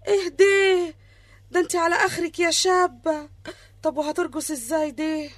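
A brash veteran wedding dancer, showy and flirtatious in her Egyptian accent. Her voice is very high, and the recording is dry. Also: steady tone, moderate pace, no echo. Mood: scheming.

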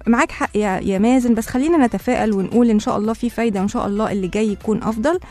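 A woman's voice: fairly high pitch, rapid-fire, darkish tone, faint music behind. A woman with an Egyptian accent hosting a radio talk show and speaking to her listeners. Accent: Egyptian Arabic.

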